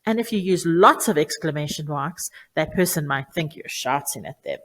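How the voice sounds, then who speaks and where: A woman teacher giving a clear, deliberate lesson to children, stressing key words. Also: low voice, animated, fairly bright tone. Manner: clear, deliberate instructive delivery with emphatic stresses. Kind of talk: lesson for children on online manners.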